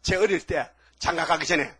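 A male pastor preaching in a high, bright register with a husky grain to his voice. He talks emphatically and colloquially, firing rhetorical questions at the congregation. He mixes stories and laughter into the sermon. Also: fairly quick. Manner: emphatic, keeps prodding the audience with rhetorical "eh?".

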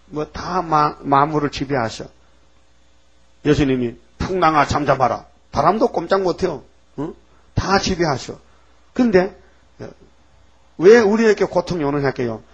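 A male pastor preaching a folksy sermon, prodding the congregation and acting out shouted rebukes in character. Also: a little high, husky. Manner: acts out shouted rebukes of Satan. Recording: dull lo-fi recording.

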